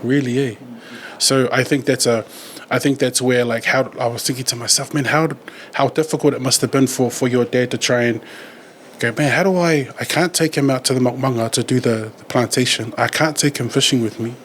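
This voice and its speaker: A man talks things through in a candid, reflective way. His voice sits at a middle pitch, and he often circles back to find the right words. Faint background noise hums under the conversation. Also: steady tone, brisk. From New Zealand. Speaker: podcast guest, community worker.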